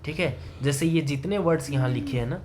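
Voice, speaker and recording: A man giving a classroom grammar lesson in a somewhat higher voice. He keeps asking the student questions and then answers them himself, moving between Hindi and English terms. Faint room noise sits behind him. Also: fairly quick, a little mellow. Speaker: English teacher.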